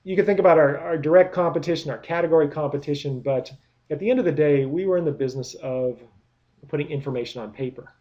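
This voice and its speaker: A man's voice: a little high, quick pace, dark tone, dull audio. A man giving a recorded business lecture, explaining step by step with many rhetorical questions and frequent restarts. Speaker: product management lecturer.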